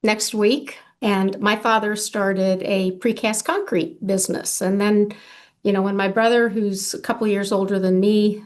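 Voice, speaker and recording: A woman's voice: medium pitch, steady tone, unhurried. A woman in her sixties from Argentina, an architect answering interview questions in a thoughtful, conversational way. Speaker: architect and firm founder. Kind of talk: casual interview.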